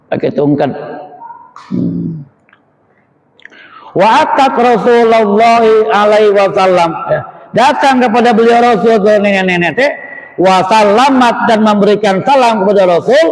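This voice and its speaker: A male preacher, telling a story in colloquial speech and translating Arabic line by line. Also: high voice. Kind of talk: sermon. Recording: long hall reverb.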